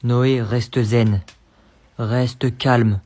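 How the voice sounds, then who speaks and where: A bossy grown-up relative keeps telling a boy to calm down, played by a man in a short comedy sketch. The voice is mid-pitched and firm, with steady scolding authority. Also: drawn-out words. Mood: soothing.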